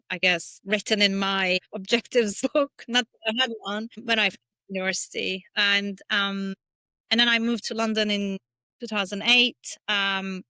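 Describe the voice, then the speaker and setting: A woman's voice: mid-range voice, sharp tone, clean tone, no room sound. A middle-aged woman from Turkey, a podcast guest talking casually and thoughtfully, with frequent fillers and restarts. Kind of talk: casual interview talk.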